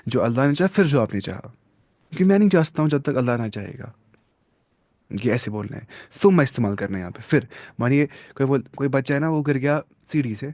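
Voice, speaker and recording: A religious studies teacher, a man with a mid-range voice, gives a lesson in studio-quality audio with no echo. He reads text passages slowly, then explains them in a relaxed, conversational manner, often checking in with listeners through tag questions.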